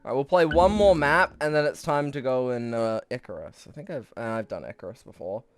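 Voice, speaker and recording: A man's voice: medium pitch, fairly quick, a little hiss or hum. A young man giving casual live commentary on his gameplay, rambling and swearing, a bit out of breath. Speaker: streamer.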